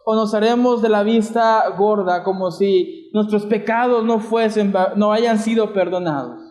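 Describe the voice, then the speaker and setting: A Mexican Spanish-accented man preaches a sermon in a high voice. He asks the congregation question after question and puts scripture into everyday words. His voice rings through an echoey church hall. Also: measured pace, a little mellow. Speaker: pastor.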